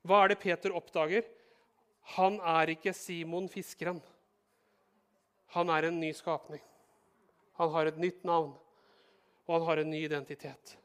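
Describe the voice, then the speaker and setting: A male pastor delivers a sermon in a fairly high voice. He preaches in a lively, conversational way, with touches of humor, as if talking directly to each listener. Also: pauses often, clear, resonant tone.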